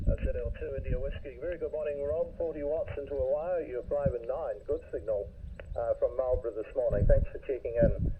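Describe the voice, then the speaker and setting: A man's voice: medium pitch, brisk. Man heard over tinny ham radio. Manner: steady, formal on-air phrasing with frequent "uh" fillers. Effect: heard over a ham radio receiver, tinny and thin. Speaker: net controller. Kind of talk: radio net procedure, calling stations. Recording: tinny ham radio audio with faint hiss.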